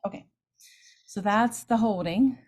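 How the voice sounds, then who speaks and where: A woman in her fifties, a middle school band director, explaining trumpet technique in a lively, chatty way and demonstrating as she talks. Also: mid-range voice, unhurried. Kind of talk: teaching clinic, explaining technique.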